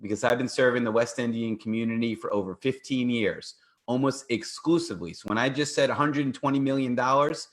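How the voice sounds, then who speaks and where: A man's voice: medium pitch, a little fast. A man hosting a live legal radio show, talking in upbeat promotional patter. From United States. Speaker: host, personal injury attorney.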